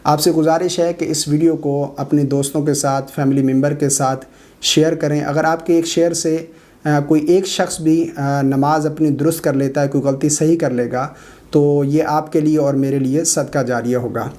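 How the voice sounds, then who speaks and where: A man, middle-aged, giving a brisk explanatory online lesson on correct recitation, pausing with drawn-out 'aa' sounds. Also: a little high, steady tone, mellow. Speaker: religious teacher of prayer recitation.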